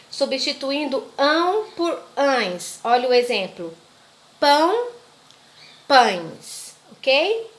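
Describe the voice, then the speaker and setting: A woman teaching a grammar lesson for children, her voice sitting high. She takes her time, speaking slowly and drawing out each example word. She checks in with the class again and again. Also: fairly bright tone. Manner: patient, repeats examples slowly, asks "ok?" often.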